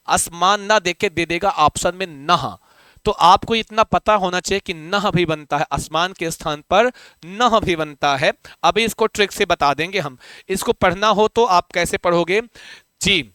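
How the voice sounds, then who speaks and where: High, clear-voiced male Sanskrit teacher. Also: fairly bright tone, dry recording. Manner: chanting forms aloud in rhythm, playful mock threats to students; coaxing, repeatedly urges students to answer. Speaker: Sanskrit teacher for exam prep. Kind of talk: live online class, drilling word forms.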